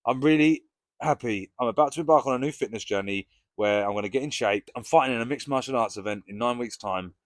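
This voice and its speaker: A man's voice: mid-range voice, fast talker, no room sound, clean studio sound. A British man talking casually and frankly to camera as a vlogger, with plenty of swearing. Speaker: recovery vlogger.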